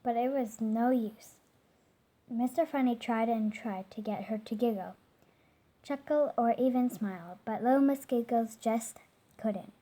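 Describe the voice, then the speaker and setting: A woman reading a children's picture book aloud, gently, now and then stumbling over hard words. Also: fairly high pitch, a little slow. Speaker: storyteller.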